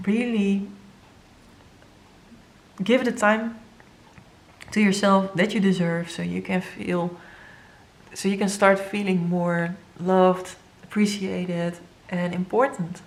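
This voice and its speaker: Gentle gravelly woman reading tarot. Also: mid-range voice, fairly even intonation. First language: Dutch. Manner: gentle, earnest, halting with many fillers. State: emotional, near tears. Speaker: tarot reader. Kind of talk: spiritual tarot reading to viewers.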